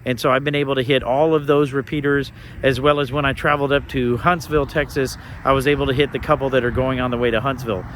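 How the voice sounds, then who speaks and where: A man's voice: medium pitch, level tone, fast, hardly any pauses, a bit bright. A man from Colorado talking casually and informally as an amateur radio operator hosting an outdoor vlog, rambling as he goes. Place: outdoors in a state park. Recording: outdoor ambient and vehicle noise.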